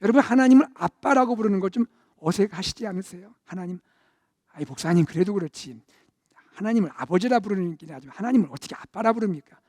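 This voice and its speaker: A middle-aged man preaching a sermon as senior pastor in a conversational way. His delivery swells to loud emphasis and then drops to near-whispers. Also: high voice, animated, fast, no room sound, studio quality.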